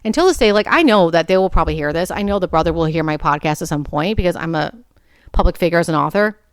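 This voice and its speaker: A woman's voice: lowish voice, expressive, quick pace, clear, resonant tone, dry recording, clean studio sound. A woman in her forties hosting a personal podcast, talking in a candid, blunt way and swearing freely. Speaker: podcast host.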